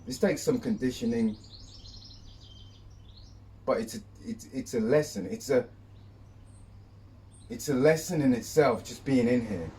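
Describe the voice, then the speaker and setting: A man speaking reflectively to camera while sitting in ice cold water outdoors, in a measured way with pauses. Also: medium pitch, mellow. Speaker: vlogger. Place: outdoors, birdsong behind. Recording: distant mic, faint outdoor noise.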